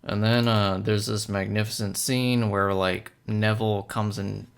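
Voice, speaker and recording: A young man rambles through a relaxed film analysis, like a casual commentary video, filling every gap with fillers and hesitations. His low voice carries heavy gravelly fry, and he talks a little slowly.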